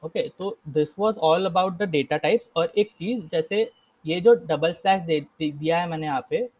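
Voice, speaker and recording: A man's voice: a little high, slow pace, darkish tone, muffled recording. Man teaching code in a casual session. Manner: casual, explains step by step, frequent self-corrections. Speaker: coding instructor. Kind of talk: live coding lesson.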